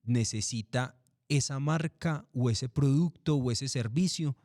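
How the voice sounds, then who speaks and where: A middle-aged man, a commercial voice-over artist talking in an interview, relaxed and repetitive, asking and answering his own questions. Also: medium pitch, measured pace, dry recording, studio quality. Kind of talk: interview, casual explanation.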